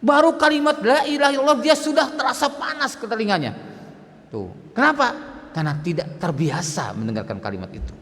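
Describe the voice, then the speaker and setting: A man's voice: high voice, fairly bright tone. A man preaching at a mosque, telling a story dramatically and acting out the dialogue. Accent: Indonesian. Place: mosque hall. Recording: long hall reverb in mosque.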